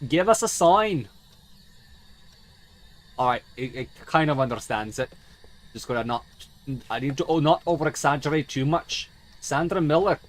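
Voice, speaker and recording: A game streamer with a medium-pitched, brisk voice and fairly even intonation gives rambling, sweary, theatrical video game commentary. He does it in a put-on mock accent he calls a dwarf accent.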